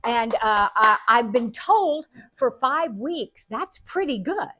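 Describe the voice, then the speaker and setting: A woman's voice: a little high, animated, slow, sharp tone. A woman vlogging, telling family stories to camera in a chatty, earnest way and laughing often. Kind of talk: casual storytelling to camera.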